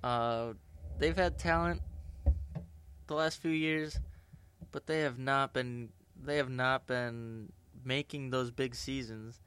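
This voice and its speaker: A man's voice: medium pitch, fairly even intonation, takes it slowly, fairly bright tone, slight background noise. A man co-hosting a podcast in casual sports chat, with wry joking asides. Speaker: podcast co-host.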